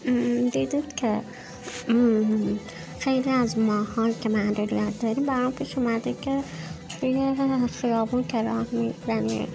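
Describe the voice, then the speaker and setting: A woman telling a personal anecdote in a hesitant way, with pauses and fillers. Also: on the high side, steady tone, vocal fry, music in the background, poor audio.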